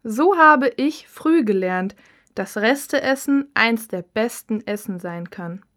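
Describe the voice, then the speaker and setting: Woman, slow and measured, fairly high voice, scripted interview answers. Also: lively intonation, a bit bright. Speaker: interviewee, cookbook author. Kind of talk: scripted listening-test dialogue.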